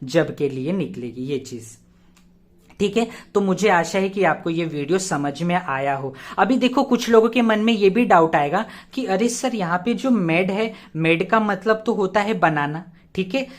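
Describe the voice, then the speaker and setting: A young man with a rather high voice talks through a grammar lesson slowly and step by step. He repeats each key word several times and poses rhetorical questions to his students. He often stops to spell words out letter by letter. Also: animated. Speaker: teacher.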